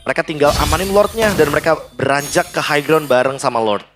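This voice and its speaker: A man's voice: fairly high pitch, lively intonation, fast. An Indonesian man giving analytical live commentary as an esports caster. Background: music.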